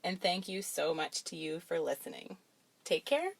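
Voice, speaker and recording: In her home kitchen, a woman hosting a food podcast chats in an upbeat, encouraging way before wrapping up the episode. Her creaky voice is on the low side, with big pitch swings and a moderate pace.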